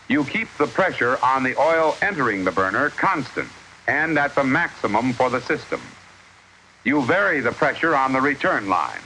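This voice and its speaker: A man's voice: medium pitch, pushed and bright. A man narrating a 1950s educational film in the formal, instructive manner of an old newsreel narrator. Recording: noisy vintage 1950s film soundtrack.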